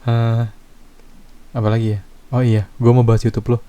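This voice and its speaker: A young man with a Jakarta slang accent hosting a casual podcast chat, relaxed and searching for his words. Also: medium pitch, normal speed, clear, resonant tone. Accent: Jakarta slang Indonesian. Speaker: podcast host.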